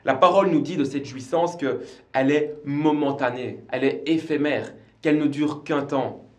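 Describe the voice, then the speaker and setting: A man's voice: fairly high pitch, normal speed, reverberant. A man preaching a livestreamed church sermon, earnest and repeating words as he goes. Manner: earnest, repeats himself with small stumbles. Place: church service streamed live.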